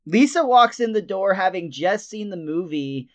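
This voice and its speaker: A man's voice: high-pitched, expressive, normal speed. Chatty man retelling cartoon scenes. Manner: retells scenes in detail, chuckling often. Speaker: podcast co-host. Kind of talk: casual podcast episode review. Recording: slightly dull lo-fi sound.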